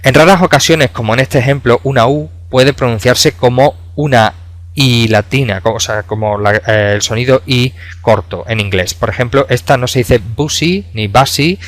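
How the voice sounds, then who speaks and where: A man in his thirties teaching English pronunciation in a video lesson, explaining patiently with many pauses and fillers. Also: mid-range voice, no room sound. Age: 30s. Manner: explanatory, hesitant with frequent fillers.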